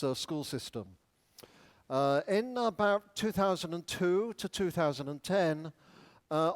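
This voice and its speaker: A man giving a conference keynote in a large hall, explaining in a measured lecturing manner. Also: a little high, smooth. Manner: playful, leads audience in exercises. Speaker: education speaker.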